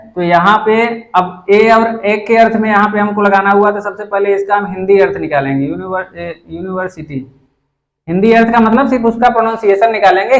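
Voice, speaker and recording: High-voiced man teaching grammar step by step. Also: poor audio. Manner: explains step by step, asks and answers own questions. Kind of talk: explaining grammar lesson.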